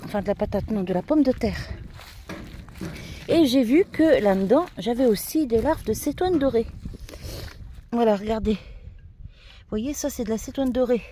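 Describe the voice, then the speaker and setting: Woman doing a garden vlog outside, mellow voice a bit high, stuffy nose, faint wind noise. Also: lively intonation, moderate pace, long pauses. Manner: chatty, showing viewers around, sniffly. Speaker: gardening vlogger. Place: outdoors in a garden by a greenhouse, windy.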